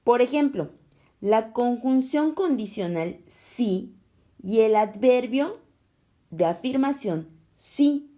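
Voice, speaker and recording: Woman teacher reading a kids lesson, slow and careful, mellow voice that moves a lot. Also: fairly high pitch, lively intonation. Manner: slow, clear, explaining to children. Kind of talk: scripted lesson narration.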